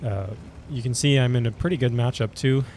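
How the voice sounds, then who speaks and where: A man with a scratchy voice from a cold, hosting casual commentary over his own tank gameplay and calmly explaining his tactics. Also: medium pitch, a little fast. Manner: relaxed, explaining tactics as he plays. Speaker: gaming channel host.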